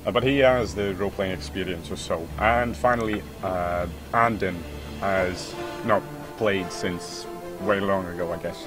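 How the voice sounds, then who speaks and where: A man's voice: deep voice, a little slow, music in the background. A man running a tabletop game as game master, talking casually with many hesitant fillers.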